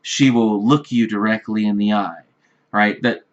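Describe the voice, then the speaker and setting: A man's voice: lowish voice, fairly even intonation, measured pace. A man giving blunt, repetitive dating advice straight to the camera, often checking in with "right?". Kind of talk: direct-address advice vlog. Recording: slightly dull lo-fi recording.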